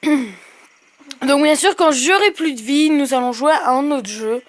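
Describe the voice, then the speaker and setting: A young woman commenting casually on a mobile game she plays, chatty and hesitant, bursting out excitedly at her wins. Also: sits high, slow. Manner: chatty, rambling, many hesitations. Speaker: gaming video host.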